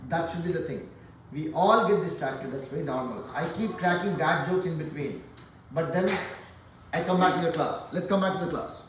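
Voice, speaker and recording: A man's voice: a little high, normal speed, slight background noise. Joking male math teacher, echoey room. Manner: joking, motivational, addresses class directly. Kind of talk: classroom lesson. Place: classroom. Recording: echoey classroom from far off.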